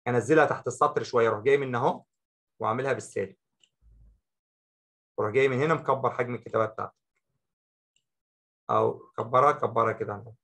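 A man with an Egyptian accent teaching a software tutorial, talking the viewer through each step and repeating short phrases. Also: mid-range voice, very fast, long pauses, breathy edge. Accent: Egyptian Arabic. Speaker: Photoshop instructor. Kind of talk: screen-recorded software tutorial.

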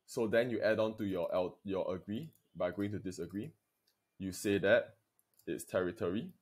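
Low-voiced male history teacher. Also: breathy edge. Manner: deliberate, emphatic lecturing, addressing students directly. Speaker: secondary school history teacher. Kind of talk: recorded video lesson.

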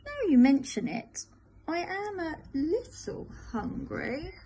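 A woman's voice: sits high, big pitch swings, slow, warm tone, slight background noise, pitched above the performer's own voice, heavily acted. A woman voicing a small stubborn creature in a cave, who turns out to be a bear, speaking in a prim, polite way. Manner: prim, polite, matter-of-fact.

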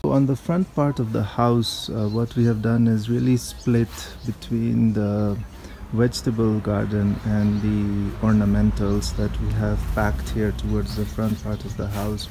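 A man giving a casual narrated tour of his home garden, explaining plants in a relaxed way with frequent ums, recorded outdoors on a handheld phone. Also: lowish voice, noisy background.

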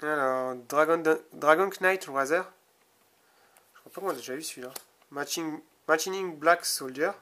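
A young man from France casually commenting while opening a box of trading cards, reading card names slowly with small asides. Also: fairly high pitch, pushed and bright. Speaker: card-opening video host.

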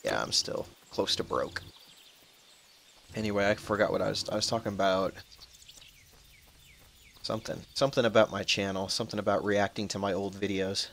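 A 21-year-old gaming channel host talks through a game he's playing in a rambling, chatty let's-play, swearing now and then at what happens on screen. His voice is fairly low and creaky at a moderate pace, with frequent pauses. There's faint background noise, and his voice drops out when he gets quiet.

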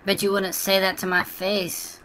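A man's voice: high voice, completely flat delivery, moderate pace, sharp tone. A man using a voice changer to play an obnoxious, crude little kid who taunts other players in online game chat. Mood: taunting. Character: obnoxious trash-talking little kid gamer. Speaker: prank gaming video host.

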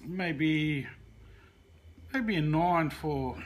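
A man's voice: on the high side, extremely slow. Laid-back man tasting sauce. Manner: laid-back, short easygoing remarks. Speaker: guest taster.

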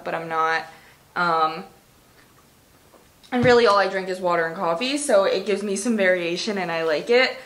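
A woman's voice: medium pitch, fairly bright tone. A young woman talking casually to her phone camera in a vlog, chatty, with lots of fillers and the odd swear word. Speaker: vlogger. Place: gym, then at home.

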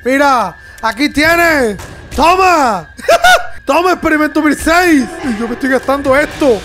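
A man doing let's-play commentary, talking to his viewers excitedly and yelping and laughing at the scares. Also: extremely high pitch, unhurried. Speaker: gamer. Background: game music.

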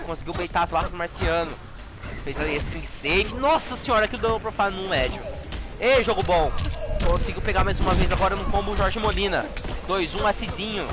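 A man with a Brazilian accent giving excitable, slangy live fighting game commentary, full of jargon. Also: high-pitched. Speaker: esports match commentator. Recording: game music behind the voice.

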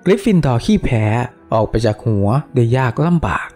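A man reading a novel aloud as an audiobook narrator, with expressive, animated narration. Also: mid-range voice, brisk, faint music behind. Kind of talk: storybook reading.

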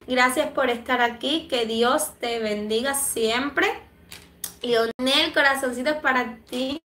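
Cuban woman livestream host, higher voice, affectionate chatter, echoey room, allergy throat-clearing. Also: slow, sharp tone, a little hiss or hum. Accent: Cuban Spanish. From Cuba. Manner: chatty and affectionate, many fillers. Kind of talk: casual livestream chat reading comments.

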